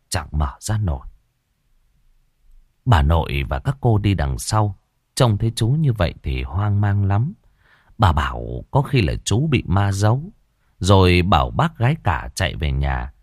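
Male storyteller for a ghost tale; lowish, very animated pitch, dry booth. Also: no echo. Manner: expressive, rises and falls dramatically.

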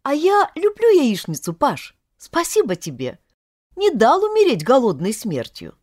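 A lovesick young woman, voiced by a female reader, begging in a high, tearful voice. Her pitch leaps and swings wildly from line to line. The recording is close and dry, with no room sound. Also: wildly swooping pitch, unhurried, darkish tone, no echo, exaggerated voice. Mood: pleading. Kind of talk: audiobook character voice.

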